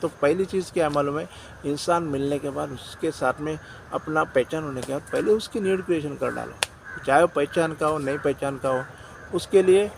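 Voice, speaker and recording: A man's voice: a little high, gravelly, slight background noise, poor audio. A man with an Indian accent gives a motivational sales talk to insurance agents. He talks directly and repeats his phrases. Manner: direct, repeats phrases, often says "dosto".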